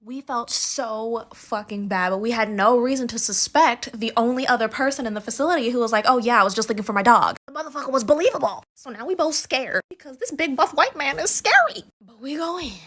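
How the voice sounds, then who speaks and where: A young woman with a slightly high voice tells a storytime, loose, profane and full of slang. She keeps the delivery casual and animated, like chatting to a friend. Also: fairly quick, few pauses.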